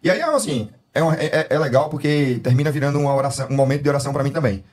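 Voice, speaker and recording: A man's voice: medium pitch, rapid-fire. A man with a Brazilian Portuguese accent chats casually on a podcast about fatherhood. His voice sits in a middle register, and he tells stories with lots of energy and laughter, slipping into his little girl's voice for quoted lines. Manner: animated storyteller, laughs often, mimics his daughter. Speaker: podcast co-host. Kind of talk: casual chat.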